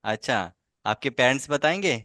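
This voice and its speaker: A man's voice: mid-range voice, animated, normal speed, a bit bright, no echo. Patient coaxing male tutor, dry sound. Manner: patient, coaxing, full of tag questions. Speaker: language teacher. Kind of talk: online tutoring lesson.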